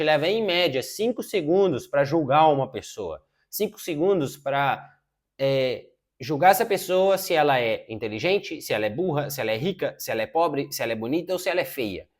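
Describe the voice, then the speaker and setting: A casual man in his thirties whose first language is Portuguese gives informal advice as a self-improvement YouTuber, speaking a little high. He says "cara" a lot and pauses often on a filler "é." He's recorded on a wireless lapel mic.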